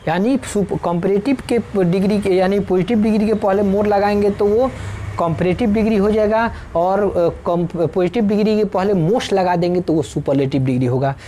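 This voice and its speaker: A woman teaching an English grammar lesson, explaining slowly, spelling out letters and pausing with fillers. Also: mid-range voice, warm tone, a little hiss or hum.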